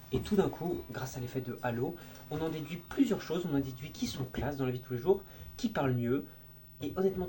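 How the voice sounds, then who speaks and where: A man explaining public speaking tips in a casual explainer video, lively and informal, sometimes slipping into crude slang and demonstrating different tones as he goes. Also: medium pitch.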